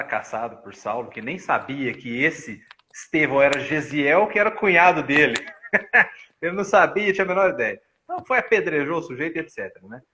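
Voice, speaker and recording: A Brazilian man retelling religious stories in a relaxed study-group talk, his bright voice leaping up and down in pitch as he acts out the people he quotes. He laughs often as he goes along. A faint hiss of noise sits behind him. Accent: Brazilian Portuguese. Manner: animated storyteller who acts out quoted lines with laughs. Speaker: spiritist study group presenter.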